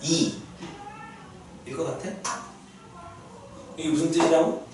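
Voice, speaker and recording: A man's voice: fairly high pitch, slow, over music. A man teaching a math lesson to a class, often checking that students follow. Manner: lively, asks students frequent check-in questions. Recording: echoey classroom from far off, faint noise.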